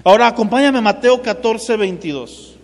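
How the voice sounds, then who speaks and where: A man with a notably high voice preaches a sermon to his congregation, turning to them directly and slipping in joking remarks. His words ring out with a long hall reverb, as if recorded in a big sanctuary. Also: animated, moderate pace. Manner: addresses the congregation directly, playful asides. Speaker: pastor.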